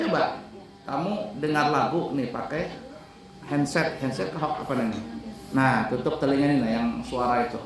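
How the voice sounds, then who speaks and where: A man's voice: medium pitch, a little hiss or hum. Man teaching, in an echoey room from afar. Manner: explains in plain talk and breaks into sung calls to prayer; asks students whether they understand. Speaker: religious teacher at an Islamic boarding school. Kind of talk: classroom lesson on calling to prayer, with sung demonstrations. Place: classroom hall at a boarding school. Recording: echoey room, recorded from a distance.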